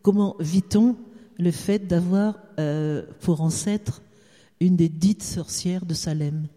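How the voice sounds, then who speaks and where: A woman's voice: lowish voice, slow pace, warm tone. A woman moderating a live event, introducing a guest in hesitant, winding, digressive sentences. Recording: echoey hall with long reverb.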